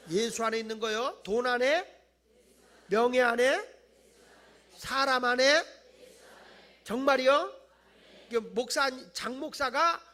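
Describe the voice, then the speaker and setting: A middle-aged male pastor giving an animated Friday night sermon in a church, acting out whiny voices and shouting. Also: very high-pitched. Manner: animated, acts out voices of people he tells about, mock-whines and shouts. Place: church sanctuary.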